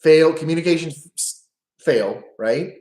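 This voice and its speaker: A man's voice: fairly high pitch, moderate pace, darkish tone, roomy sound. A man hosting a livestream, giving a blunt, profane, opinionated monologue in a lecturing tone. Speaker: livestream host.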